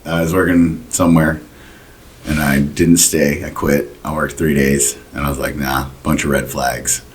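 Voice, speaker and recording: A man's voice: extremely low pitch, level tone, normal speed. A man in his forties, chatting casually as a podcast co-host in a laid-back, profane storytelling manner. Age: 40s. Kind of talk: casual chat. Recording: slightly distant mic, faint room noise.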